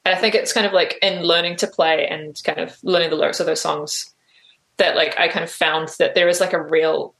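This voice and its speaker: A woman's voice: on the low side, fairly even intonation, fairly quick, vocal fry, fairly bright tone. Hesitant New woman guest. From New Zealand. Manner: hesitant, full of "like" and "um" fillers. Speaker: interview guest. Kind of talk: casual interview answers.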